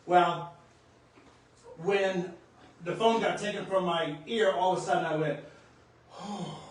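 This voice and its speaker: A man earnestly recounting a personal spiritual experience to the camera, in a halting way. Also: high voice. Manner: earnest, halting, reliving the moment. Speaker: spiritual storyteller. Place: room in his home near the kitchen. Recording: echoey room, distant mic, faint background hum.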